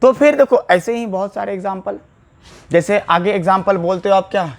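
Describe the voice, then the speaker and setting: A man's voice: high-pitched, normal speed. A man teaching an English grammar lesson, explaining patiently, repeating key points and addressing viewers casually as brother.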